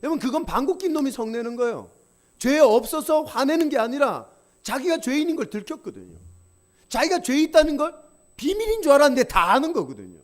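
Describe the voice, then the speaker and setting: A male pastor preaching a sermon to a youth group, animated and humorous, often asking the congregation to repeat after him. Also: very high-pitched, brisk.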